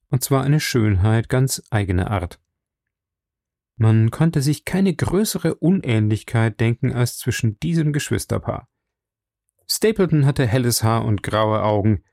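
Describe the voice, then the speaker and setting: A man narrating a story in measured first-person storytelling. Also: medium pitch, gravelly, mellow, no room sound, clean studio sound. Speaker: audiobook narrator.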